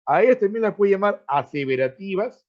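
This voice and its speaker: A man's voice: high voice, expressive, fairly quick. A man with a Peruvian Spanish accent teaching an online pre-university grammar class, explaining with frequent tag questions and repetitions and fondly addressing his students as freshmen. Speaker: language teacher. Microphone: video call. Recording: dull lo-fi online-class audio.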